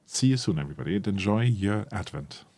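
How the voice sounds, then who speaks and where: A man's voice: fairly low pitch, expressive, fast, mellow. A man giving casual, enthusiastic unboxing commentary as a tabletop game creator, thinking aloud with frequent ums and self-corrections. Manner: enthusiastic about the product. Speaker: tabletop RPG content creator.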